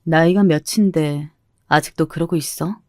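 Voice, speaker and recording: A woman's voice: low-pitched, moderate pace, dark tone, dry recording, clean studio sound, close to an everyday voice. A woman voicing a blunt, successful woman near forty who answers in curt, cutting retorts. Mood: scornful.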